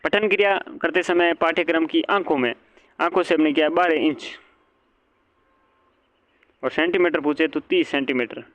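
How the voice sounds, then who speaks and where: A man's voice: on the high side, normal speed, long pauses, fairly bright tone, no echo. A male teacher giving an exam-prep lecture, asking and answering his own questions and repeating each point. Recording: dull lo-fi audio.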